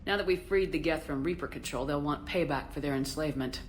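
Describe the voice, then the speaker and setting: Female military commander, played by an actress, game: very low register, confident, direct, faint noise behind. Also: fast talker, lightly acted. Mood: firm, persuasive. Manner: direct, assured. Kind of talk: scripted game dialogue.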